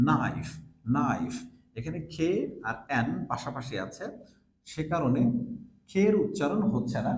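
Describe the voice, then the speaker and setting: Animated man teaching pronunciation. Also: medium pitch, echoey room. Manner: explains step by step, repeats example words slowly. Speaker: English teacher. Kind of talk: pronunciation lesson.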